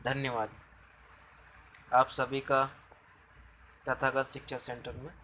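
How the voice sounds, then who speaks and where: A man teaching a grammar lesson, explaining slowly, asking rhetorical questions and sounding out examples. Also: medium pitch, completely flat delivery, sharp tone, slight background noise, poor audio.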